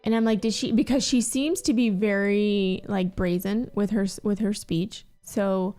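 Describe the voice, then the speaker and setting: A woman's voice: mid-range voice, fairly even intonation, moderate pace, warm tone, clean tone, soft background music. A woman co-hosting a couple's reaction video, chatting casually and asking questions with frequent fillers. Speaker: co-host of a couple reaction channel. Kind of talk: casual chat.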